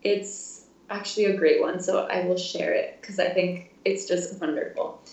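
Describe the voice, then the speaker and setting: A woman's voice: fairly low pitch, fairly even intonation, moderate pace, darkish tone. A woman in her twenties, a music therapy intern, chatting casually in an interview with frequent fillers and laughs. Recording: roomy, distant, dull sound.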